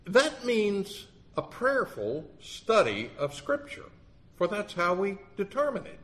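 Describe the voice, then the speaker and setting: A man's voice: sits high, big pitch swings, slow, a bit bright. A man in his sixties with a legal background, giving a sermon in a wry, earnest storytelling manner. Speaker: lay preacher with a legal background.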